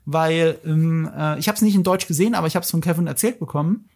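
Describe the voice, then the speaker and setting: A man hosting a podcast and chatting casually, animated and opinionated, with emphatic asides. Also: on the high side, fast, creaky. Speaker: podcast host. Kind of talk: casual discussion.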